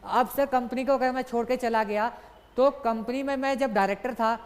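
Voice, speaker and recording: A young man teaching an online exam-prep lecture, brisk and coaxing, repeating key points and calling his students "sir" constantly. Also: extremely high pitch, steady tone. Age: young adult. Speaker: exam tutor. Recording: long reverb, as in a large hall.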